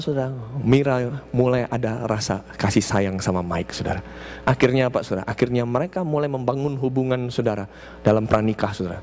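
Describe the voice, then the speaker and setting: Animated male preacher telling a story. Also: mid-range voice, slight background noise. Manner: keeps addressing the congregation as "saudara"; animated storytelling with acted quotes. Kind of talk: storytelling sermon. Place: church service.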